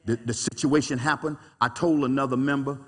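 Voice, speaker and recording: A man preaching a sermon as pastor, animated and folksy, with call-and-response asides to his congregation. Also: mid-range voice, brisk, slightly rough, in a large hall. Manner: folksy, colloquial speech. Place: church sanctuary.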